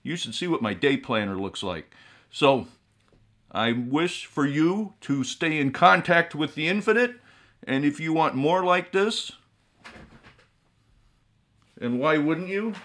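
A middle-aged man playing a ghoulish horror host, speaking in a drolly morbid, theatrical, drawn-out manner. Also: fairly high pitch, expressive, fairly bright tone. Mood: theatrically solemn. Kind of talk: comic horror-host monologue to viewers. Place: small indoor room with collectible shelves.

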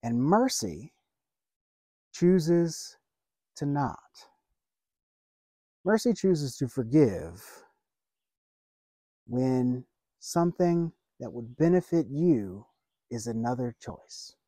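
Sitting beside a lake, a pastor in his thirties preaches an earnest sermon at a slow pace with long pauses, developing each point in measured phrases. His medium-pitched voice is warm, mellow and sing-song, and the close lapel mic captures it dry, with no room sound.

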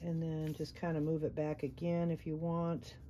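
A woman's voice: low voice, little pitch movement, normal speed, warm tone, slight background noise. A middle-aged woman giving a casual sewing tutorial, chatty and encouraging as she thinks aloud while she works. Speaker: sewing instructor.

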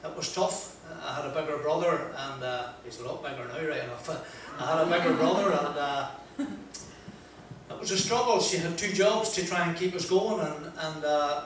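An older man from Northern Ireland, working as a motivational speaker, tells a rambling, self-deprecating anecdote to a seated audience in a large wood-panelled function room, his voice slightly high and a bit bright. He's chatty, with frequent "uh" pauses and laughs. His handheld mic is picked up from a distance, the hall echoes, and there's slight background noise.

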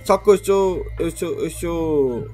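Guy doing a high whiny baby creature just hatched, always hungry, says stuff over and over. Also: takes it slowly, dark tone, soft background music. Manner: whiny, repeats words. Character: hungry newborn male creature hatchling, clingy.

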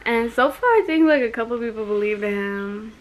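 A woman's voice: fairly high pitch, expressive, fairly quick, a little hiss or hum. A young woman vlogging casually from a car, giggly and rambling, with a slight lisp from retainers. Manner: giggly, rambling with many likes. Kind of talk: casual vlog chat.

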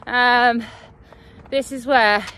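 A woman's voice: a little high, fairly even intonation, very slow, sharp tone. A woman vlogging outdoors on a cold night, chatty and rambling, out of breath after running, on a handheld phone. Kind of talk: casual vlog while running.

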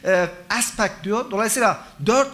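Man, middle-aged, high voice, bright tone, academic lecture at a conference, enumerating points. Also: normal speed. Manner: lecturing, addresses audience as friends, lists synonyms. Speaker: conference speaker, professor. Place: conference hall.

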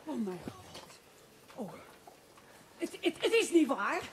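Woman plays a high, swooping, bossy official who panics and exclaims; amateur stage play with faint noise. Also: expressive, moderate pace. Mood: panicked. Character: panicky self-important woman mayor.

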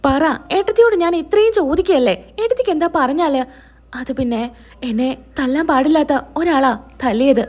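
A woman voicing a meek young wife who gives soft, hesitant replies. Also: high voice, animated, normal speed. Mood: hurt.

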